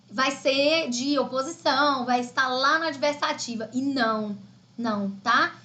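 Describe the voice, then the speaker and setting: High and bright, the voice belongs to a Brazilian woman teaching Portuguese in a live online exam-prep session. Her Brazilian Portuguese accent comes through as she chats along, explaining things step by step and frequently tossing in "né?" and "tá?".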